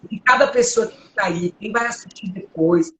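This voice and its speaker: At a moderate pace, a Brazilian woman with a deep, strong, powerful voice preaches and testifies from home. Her manner is earnest and emotional as she exhorts her listeners, and the audio has room echo and a faint background hum.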